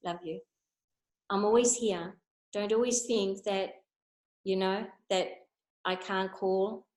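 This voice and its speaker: A woman's voice: mid-range voice, fairly even intonation, takes it slowly. Older woman, chatty guest on a call, echoey room. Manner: warm, rambling, repeats words. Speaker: guest speaker. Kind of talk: casual video call chat.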